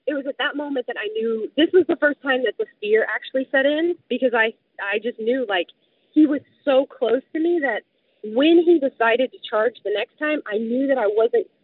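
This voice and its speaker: A woman's voice: high-pitched, lively intonation, moderate pace, slightly rough, no room sound. Woman telling a story over a tinny line. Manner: vivid retelling, many fillers of "like". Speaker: guest telling a survival story. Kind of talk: casual spoken storytelling. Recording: dry, tinny phone-like sound.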